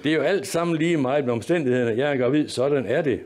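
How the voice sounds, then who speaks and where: A young daughter stands up to her parents, blunt and a little irritated, as a male reader voices her. Her lines come a touch higher than the reader's own voice in this read-aloud story. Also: a little mellow, lightly acted. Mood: defiant. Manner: irritated, pleading.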